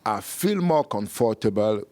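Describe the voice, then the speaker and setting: Hesitant low-voiced man from Cameroon. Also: animated, a little slow, a little mellow, no echo. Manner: hesitant, many fillers and restarts. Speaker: guest musician. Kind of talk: interview answers.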